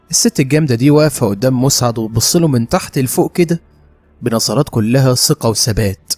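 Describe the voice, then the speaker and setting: A man with an Egyptian accent narrating a first-person drama story in a steady, conversational way. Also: mid-range voice, no echo. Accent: Egyptian Arabic.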